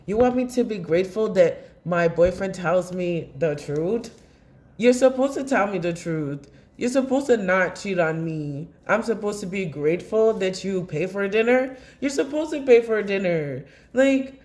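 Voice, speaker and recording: A woman's voice: medium pitch, darkish tone, slight background noise. A woman reads tarot straight to camera in a loose, rambling monologue. She is blunt and impassioned, and she swears freely. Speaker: tarot reader. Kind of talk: casual tarot reading monologue.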